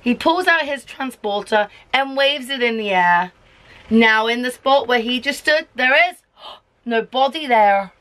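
A woman's voice: on the high side, lively intonation, a little slow, a bit bright. A mother reading a picture book aloud to her toddler in a coaxing, sing-song way, stopping to ask him questions. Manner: coaxing, sing-song, stops to quiz the child. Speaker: parent reading to her child.

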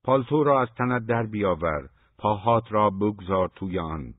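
A man's voice: lowish voice, animated, husky, no echo. A man reading the lines of a weary old stable keeper in an audiobook, with short blunt replies. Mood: terse. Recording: dry, phone-like narrow sound.

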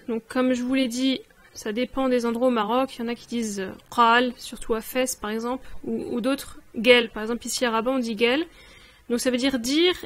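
Woman language teacher, slow deliberate delivery, high pitch, patient repetition. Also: a bit bright. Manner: slow, careful, repeats each word. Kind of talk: vocabulary lesson. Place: Rabat, Morocco.

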